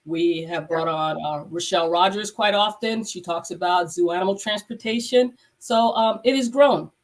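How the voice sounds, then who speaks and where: A woman veterinarian and podcast host runs a casual live stream over a video call, her lowish voice congested from a cold. She speaks at a moderate pace, rambling with lots of fillers and restarts.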